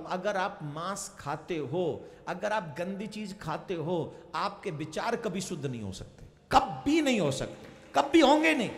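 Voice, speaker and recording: A man's voice: fairly high pitch, in a large hall. A man preaching to a crowd in a sermon tent, pleading and impassioned. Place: large outdoor sermon tent.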